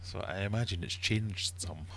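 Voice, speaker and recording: With slight background noise behind him, a middle-aged Glasgow man with a Glaswegian Scottish accent hosts a livestream as quizmaster. He reads viewer comments in a casual, rambling chat, his low voice a bit bright at a moderate pace.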